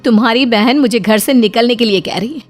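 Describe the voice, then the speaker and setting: A woman voicing a scheming, loud young daughter-in-law who fakes tears in a cartoon story, shrill and whiny. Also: fairly quick, soft background music, natural voice. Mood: fake crying.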